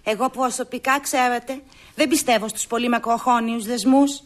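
An actress voicing a prim, earnest young fiancée in a dubbed film, speaking politely. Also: female voice, fairly high pitch, fairly even intonation, close to an everyday voice.

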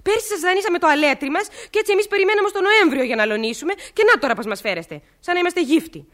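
A woman's voice: very high voice, animated. A woman playing a stubborn young landowner's daughter who argues indignantly and sarcastically. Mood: sarcastic. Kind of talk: stage play acting.

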